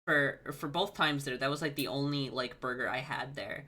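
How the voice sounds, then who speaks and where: A stream host chatting casually, excitable and rambling, swearing often. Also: medium pitch, moderate pace. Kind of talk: casual chat.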